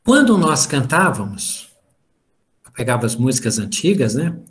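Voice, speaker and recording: A middle-aged lecturer at a spiritist study group talks informally about spiritual matters over a video call, his medium-pitched voice sing-song and moderately paced. He narrates family stories and plays out their conversations.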